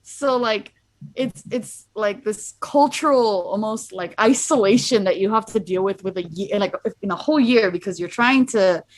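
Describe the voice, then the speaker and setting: A young Miami woman studying abroad chats casually as a guest, rambling and filling her speech with "like" and other fillers. Her voice is medium-pitched and moderately paced, and the audio quality is poor.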